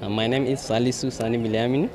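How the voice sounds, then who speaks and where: A man's voice: mid-range voice, steady tone, very slow. A man from Nigeria, a student, politely giving a short interview with hesitant fillers. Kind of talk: interview comment. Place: outdoors at a crowded event. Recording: outdoor crowd noise.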